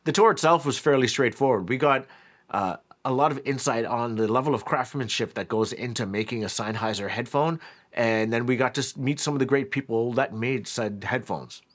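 A man from Canada narrating a casual vlog about a factory trip in a relaxed, chatty way with lots of fillers. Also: mid-range voice, moderate pace. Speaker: vlogger, headphone reviewer.

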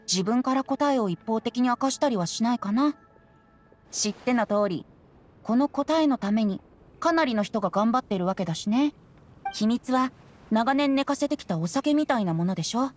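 A woman voices a carefree, sly young boy bard in an anime game, sounding light, boyish, breezy and knowingly teasing. Her slightly high voice has lively intonation, normal speed and a darkish tone close to her everyday speech, with game music playing behind it.

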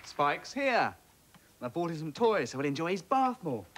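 A woman's voice: low voice, big pitch swings, normal speed. A woman presenting children's television in a cheerful, playful, sing-song way.

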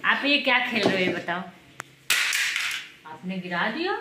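A woman filming a casual family vlog at home, coaxing and gently scolding her child while talking to viewers. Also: medium pitch, lively intonation, a little slow, very noisy.

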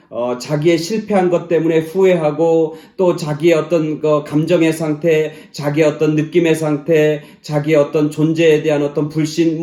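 A male pastor giving a sermon, climbing to loud, high exclamations and then dropping to soft, near-whispered lines. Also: roomy sound. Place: church sanctuary.

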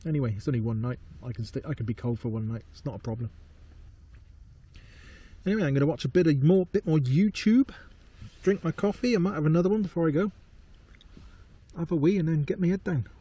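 Relaxed man vlogging outdoors. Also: fast talker, pauses often, slightly rough. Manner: relaxed, low-key, talking to camera. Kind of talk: casual solo camping vlog. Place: tarp shelter in a field at night, then walking outdoors. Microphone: handheld camera close up.

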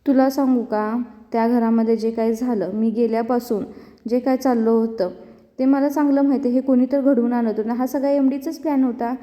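A woman's voice: a little high, fairly even intonation, a little fast, mellow, natural voice. A woman reading the lines of a blunt, teasing young husband who defends his family, in a dull, reverberant recording. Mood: defiant.

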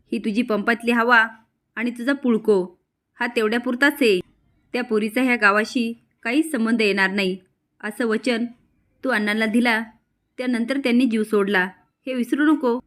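A woman's voice: fairly high pitch, steady tone, fairly quick, fairly bright tone, natural voice. A woman voicing a scheming, stubborn mother who scolds and defies, reading her lines in a recap of a drama serial. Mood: resentful. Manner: scolding, defiant.

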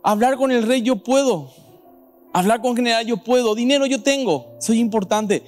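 A man's voice: extremely high pitch, moderate pace, darkish tone, faint music behind. A preacher voicing a boastful important woman. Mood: proud. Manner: boastful, dismissive. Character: proud wealthy woman of old, self-important.

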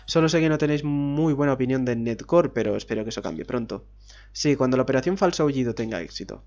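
A man's voice: mid-range voice, lively intonation, fast talker, a little mellow, dull audio. Man reading game dialogue. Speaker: gameplay commentator. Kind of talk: reading game dialogue aloud with casual asides.

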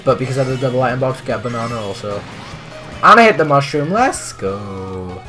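A man's voice: mid-range voice, racing, faint music behind. A teenage boy streaming a racing game and chatting with viewers, his breaking voice cracking as he goes. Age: teens. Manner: excitable, chatty, prone to voice cracks. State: voice breaking with puberty. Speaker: gaming streamer. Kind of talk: live gameplay commentary.

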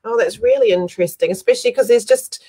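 A woman's voice: on the high side, fast talker, warm tone, breathy edge. A woman hosts a friendly, chatty interview over a video call, with plenty of fillers. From New Zealand. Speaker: host. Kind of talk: casual interview chat. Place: indoor room at home.

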